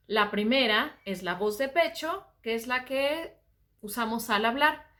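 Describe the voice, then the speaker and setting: Bright-voiced Mexican woman explaining vocal technique. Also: on the high side. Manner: calm explanatory talk, often saying "ajá". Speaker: voice and singing teacher. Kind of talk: explaining singing technique with sung examples.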